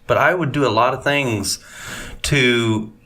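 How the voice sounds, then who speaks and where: A man's voice: mid-range voice, unhurried, bright, forceful tone. A man, chatting loosely on a podcast in a meandering, folksy way. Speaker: podcast co-host. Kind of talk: casual chat.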